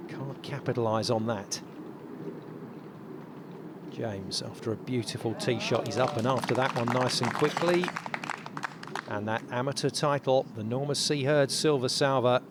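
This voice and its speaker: A male golf commentator with a mid-pitched voice calls tournament play in short, dramatic phrases. His delivery is measured as it builds suspense. There is some background ambience and light noise behind him. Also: creaky.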